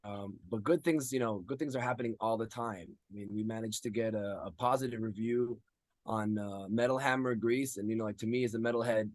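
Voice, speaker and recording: A man's voice: on the low side, fairly even intonation, a little fast, darkish tone, no echo. A man in his thirties from Israel, a guest musician answering interview questions in a rambling casual way with many ums.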